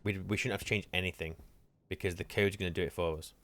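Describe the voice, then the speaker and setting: A man's voice: low voice, steady tone, fairly bright tone. A man hosting a gaming channel, chatting dryly and teasing his wife while they play a game together. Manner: dry, teasing, unhurried. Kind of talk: casual co-op gameplay chat.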